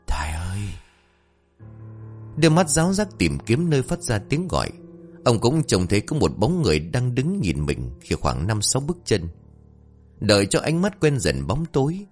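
A man narrating a scripted horror story, giving each character's lines lively voice acting. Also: fairly low pitch.

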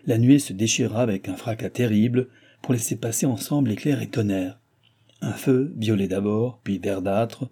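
A man reading a classic novel aloud as an audiobook narrator, in a steady dramatic way. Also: fairly low pitch, slightly rough. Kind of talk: scripted narration.

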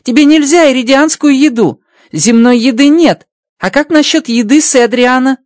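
A high, squeaky male alien engineer, bursting with eager energy and mangling his grammar. The audiobook recording is dry and close, with no room sound. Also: normal speed, no echo. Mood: insistent. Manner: broken grammar, tags questions with a spoken word. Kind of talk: audiobook character voice.

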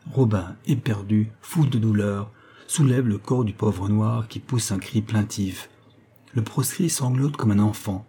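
A man reads a classic novel aloud as audiobook narration. His voice is low, dark and husky. His delivery is measured and literary. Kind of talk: scripted narration.

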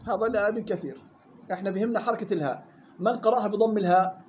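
A man teaching Quran recitation rules to students in a room. He reads the rule text slowly and then explains it in quick colloquial talk. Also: high voice, darkish tone, a little hiss or hum. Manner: drills syllables slowly and questions students. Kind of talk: classroom lesson explaining a text.

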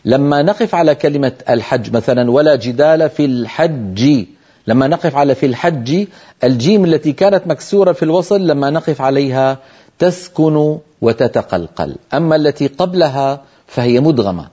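Male tajweed teacher, scholarly and hesitant with fillers, drawn-out recited examples, dark timbre. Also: on the high side, expressive, slightly rough, muffled recording. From Syria. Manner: explains slowly, then recites example words drawn out. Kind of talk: televised tajweed lesson.

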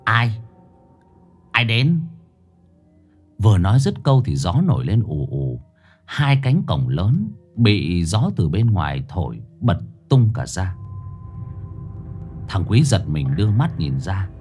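Male horror narrator, low and animated, dramatic reading over soft music. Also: unhurried. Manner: dramatic, expressive. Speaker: storyteller. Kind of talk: scripted horror story narration. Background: faint music.

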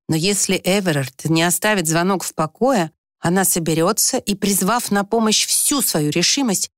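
A woman narrating an audiobook in an expressive reading style, lifting her voice in the tense moments. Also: no room sound, clean studio sound. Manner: expressive reading, rising pitch for the anxious heroine. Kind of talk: scripted narration.

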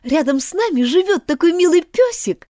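A woman's voice: high-pitched, huge pitch swings, measured pace, darkish tone, no echo, studio quality, voice pushed up, heavily acted. A woman reading an audiobook and voicing Alice, a polite, chatty little girl who pleads and apologizes. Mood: eager. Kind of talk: audiobook character voice.

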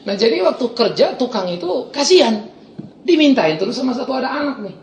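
A middle-aged man, a pastor preaching a sermon and telling stories with lively swings from loud to soft. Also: extremely high pitch, a little fast, echoey room, slight background noise. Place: church.

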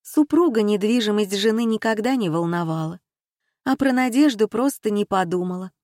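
A woman narrating an audiobook in a brisk, even storytelling manner. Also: medium pitch, dry recording, clean studio sound.

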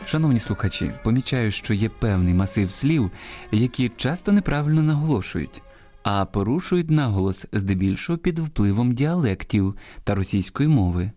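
Low-voiced man teaching word stress on radio. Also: animated, warm tone, soft background music. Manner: slow, deliberate pronunciation of example words. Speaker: radio language program host. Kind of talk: scripted radio talk on language.

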